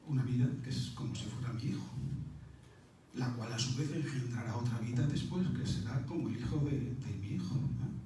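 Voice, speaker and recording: Guy teaching a class, mellow dark voice, mic far off in a big echoey room. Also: mid-range voice, a little hiss or hum. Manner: explanatory, repeats key words, asks rhetorical questions. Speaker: lecturer on scripture. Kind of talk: spoken lecture to an audience. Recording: roomy echo from a distant mic.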